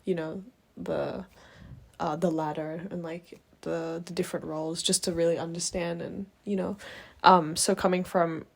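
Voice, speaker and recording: A woman's voice: fairly low pitch, level tone, normal speed, creaky. A young woman guest on a podcast, enthusiastic and agreeable, thoughtful when explaining, with plenty of fillers. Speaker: guest, camera assistant. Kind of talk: casual interview chat.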